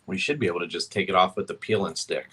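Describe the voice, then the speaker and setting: A man co-hosting a casual talk show, joking with quick quips. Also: deep voice, bright, forceful tone, slight background noise. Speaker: co-host. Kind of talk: casual chat.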